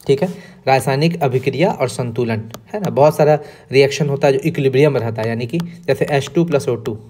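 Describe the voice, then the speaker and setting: A man teaching an exam-prep lesson, explaining step by step and often pausing to check in with his students. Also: medium pitch, a little mellow.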